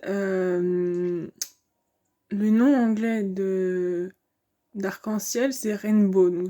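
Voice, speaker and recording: A woman's voice: mid-range voice, warm tone. A young woman giving casual commentary on a video game, hesitant and thinking aloud with many fillers.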